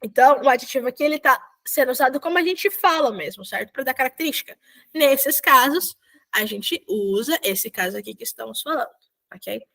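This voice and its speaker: A woman's voice: high voice, animated, a little fast, vocal fry, fairly bright tone. A young woman teaching a casual online language lesson, chatty and often correcting herself and checking in with students. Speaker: volunteer Korean teacher.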